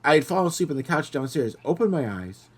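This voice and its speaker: Fast and slightly high-pitched with a breathy edge, this middle-aged man hosts a podcast full of casually told stories. He's a lively storyteller who voices the people in his anecdotes.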